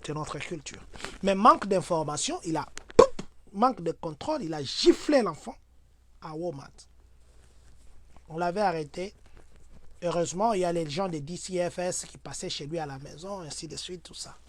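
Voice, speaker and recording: Speaking as a community advisor, a man whose native language is Swahili gives earnest, preachy everyday advice and bursts into loud exclamations when making a point. His fairly high, expressive voice moves at a normal speed.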